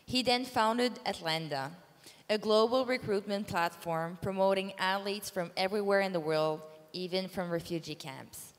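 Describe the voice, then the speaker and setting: A woman's voice: mid-range voice, normal speed. A woman moderator at a conference formally introducing the next speaker and listing his credentials. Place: large conference hall. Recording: long hall reverb.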